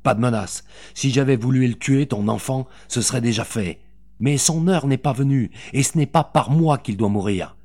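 A man voicing a raspy, hate-filled vengeful woman. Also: medium pitch, normal speed, a little mellow, natural voice. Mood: taunting. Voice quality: raspy, jerky delivery.

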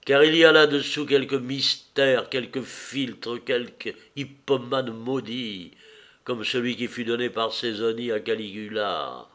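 A man's voice: medium pitch, a little slow, fairly bright tone, close to an everyday voice. A man reading the part of a proud, bitter imperial Roman mother in an audiobook, in a stern, commanding manner.

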